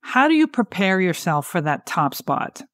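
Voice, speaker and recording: A woman's voice: fairly low pitch, sing-song, moderate pace, fairly bright tone, no room sound. Conversational woman hosting a podcast. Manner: conversational, asks open questions. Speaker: podcast host. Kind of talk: podcast interview.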